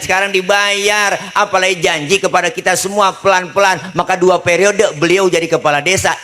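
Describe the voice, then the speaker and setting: A middle-aged man gives a comic sermon as a preacher, joking and often asking the crowd for agreement. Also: high-pitched. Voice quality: bright, lively, joking, asks the crowd for agreement.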